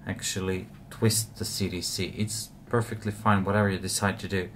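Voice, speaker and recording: Low-voiced man explaining fly tying. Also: normal speed, a little hiss or hum. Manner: relaxed, explanatory, frequent uh fillers. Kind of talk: step-by-step tutorial narration.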